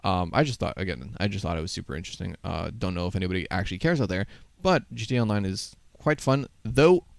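A man's voice: sits low, quick pace, gravelly, no room sound. A man casually chatting about games on a podcast, rambling with lots of fillers and casual swearing. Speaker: podcast co-host. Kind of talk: casual gaming chat.

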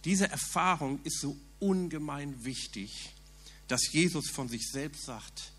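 A man's voice: fairly high pitch, lively intonation, takes it slowly, fairly bright tone, slightly rough. A man preaching a sermon in an earnest, emphatic way, asking the listeners rhetorical questions.

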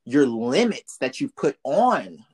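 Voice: mid-range voice, sing-song, slow pace, a little mellow, husky. Podcast host, motivational and preachy, casual and faith-driven. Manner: preachy, uplifting, speaks of faith; casual slang, addresses listeners directly. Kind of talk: motivational interview talk.

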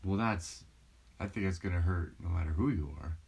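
A man's voice: low-pitched, normal speed, vocal fry, darkish tone, slightly rough. A young American man co-hosting a podcast in casual, crude, slangy banter, recorded on a phone with a cheap mic sound. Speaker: podcast co-host. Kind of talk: casual joking chat. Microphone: one shared phone.

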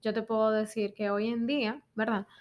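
Woman, 30s, podcast co-host; slightly high voice, reflective and supportive. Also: little pitch movement, normal speed. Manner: reflective, chimes in with agreement. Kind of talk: casual chat.

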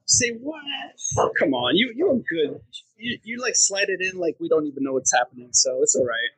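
A man co-hosting a casual podcast, animated and joking, laughing often as he talks. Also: a little high, brisk, slightly rough, no echo, low-quality recording. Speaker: podcast co-host.

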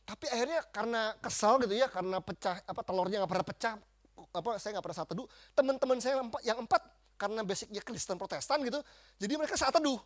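A preacher with a high-sitting voice gives a fast, lively testimony, acting out quotes and swinging between loud bursts and hushed stretches.

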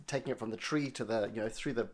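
A man's voice: medium pitch, fast talker. A man with a New Zealand accent tinged with American, telling coffee history in a meandering, self-correcting way during a casual chat. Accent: New Zealand with some American. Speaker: coffee storyteller.

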